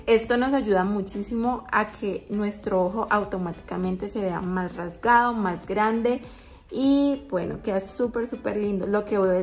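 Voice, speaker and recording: A woman vlogger talking through a makeup tutorial, chatty and explaining each step as she goes. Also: mid-range voice.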